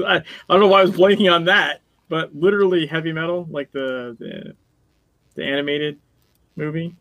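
A middle-aged man co-hosts a casual game podcast, rambling, interrupting himself, and laughing often as he chats. His voice is on the high side and a bit bright, with fairly even intonation at a moderate pace and no echo.

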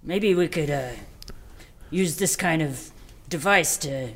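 A man's voice: on the high side, slow, fairly bright tone. A man playing a vain, indignant pharaoh in improvised comedy, talking in a casual, defensive way. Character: indignant, vain wolf-headed pharaoh from ancient Egypt.

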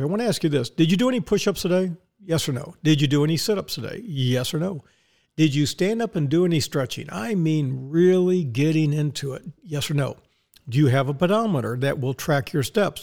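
Folksy guy doing a solo podcast, slightly high voice, chatty, asks and answers his own questions. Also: expressive, brisk, vocal fry, darkish tone. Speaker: podcast host. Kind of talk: casual monologue talk.

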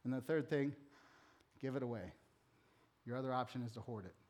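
A male pastor preaching a sermon in a church, talking casually and then building higher and louder when stirred, and slowing right down to read scripture. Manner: reads scripture slowly and deliberately.

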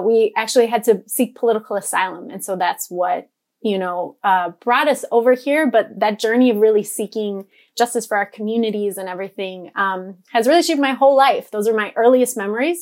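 A woman's voice: mid-range voice, a little fast. A woman in her thirties from Guatemala, a podcast guest speaking in an earnest, flowing way with fillers. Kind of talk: casual podcast conversation.

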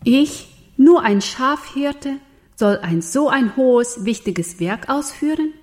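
Old Moses, a timid shepherd who doubts himself and pleads in hesitant words, as a woman narrator reads him. He talks slowly and anxiously, in storybook fashion. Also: high-pitched, expressive, voice pushed up. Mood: pleading.

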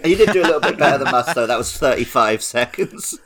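A man's voice: mid-range voice, expressive, quick pace, a crowd in the background. A young man hosting a comedy quiz podcast, reading out headlines and teasing the players. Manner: teasing, reads headlines then banters. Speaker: quiz host. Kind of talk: casual comedic game-show podcast.

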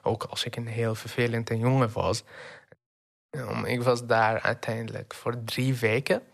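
A young man from Syria giving a halting personal testimony, with many pauses and fillers and English words dropped in, sober and low-key as he recounts hardship. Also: little pitch movement, vocal fry. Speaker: refugee telling his story.

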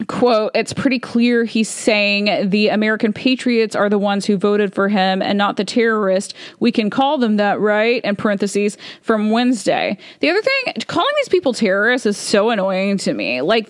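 A woman's voice: medium pitch, dry recording, studio quality. A woman vlogger reading documents aloud with opinionated commentary, with frequent ums and punctuation read out.

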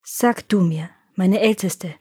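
Old tired king voiced by a woman reader, slow solemn storybook speech, a little breathy, dry close sound. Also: medium pitch, warm tone, dry recording. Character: old weary king, proud and quick to anger.

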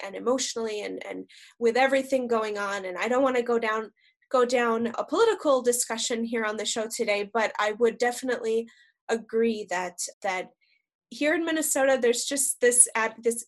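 A woman hosting a casual interview chat, her voice sitting a little on the high side. She talks in a friendly, rambling way, often repeating and restarting her words before landing on a question. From United States. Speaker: podcast host.

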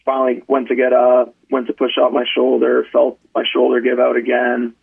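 Young male athlete guest, monotone gravelly delivery, phone-quality audio. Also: mid-range voice, normal speed. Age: 20s. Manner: relaxed, frequent "um" and restarts. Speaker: guest, college hockey player. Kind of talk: casual podcast storytelling. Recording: phone-like narrow band.

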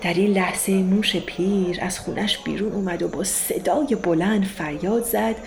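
Woman storyteller, bedtime tale, gravelly tone, faint background noise. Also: mid-range voice.

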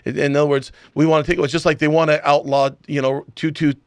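A man's voice: on the high side, little pitch movement, fast, no echo. Talk radio guy ranting hard, lots of rhetorical questions, dry close sound. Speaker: radio talk show host. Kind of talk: opinionated talk radio chat.

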